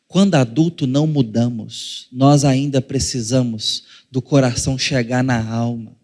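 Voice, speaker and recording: A man's voice: medium pitch, a little mellow, in a large hall. A male pastor with a Brazilian Portuguese accent preaching a sermon in a conversational way, acting out little scenes and speaking straight to the congregation. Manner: addresses the congregation directly.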